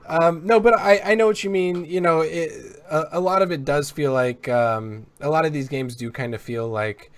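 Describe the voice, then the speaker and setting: A man's voice: on the high side, moderate pace, hardly any pauses. A man hosting a casual chat show about video games. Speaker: host of a video game show.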